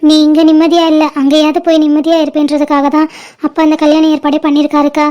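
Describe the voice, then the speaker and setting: A woman's voice: high voice, monotone, quick pace, mellow, lightly acted. A woman voicing an earnest, outspoken younger sister in an amateur audio drama, pleading and blunt.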